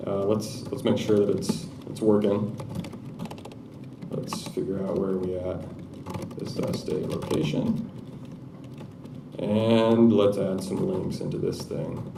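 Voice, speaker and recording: A man's voice: sits low, level tone, takes it slowly, creaky, pauses often, roomy sound, distant mic, noisy background. A man giving a live-coding tech talk at a conference, chatting through his code with joking, self-deprecating asides. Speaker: conference speaker. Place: conference room with audience.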